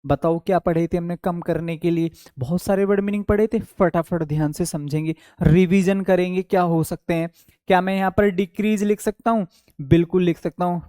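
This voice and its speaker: A man teaching English vocabulary in an online exam-prep class, asking questions and answering them himself and drawing out key words slowly for memory. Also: high voice, steady tone, mellow, smooth, dry recording, clean studio sound.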